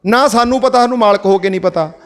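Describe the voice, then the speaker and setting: High-voiced man giving a village speech. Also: quick pace. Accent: Punjabi, Malwa. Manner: rhetorical questions, tells folk parables. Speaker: activist speaker. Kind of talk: village public address.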